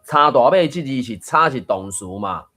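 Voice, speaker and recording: A man's voice: medium pitch, animated, moderate pace, pushed and bright, faint music behind. A man with a Taiwanese accent hosting a book reading group, explaining pronunciation in a chatty, digressive way and thinking aloud. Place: online reading room.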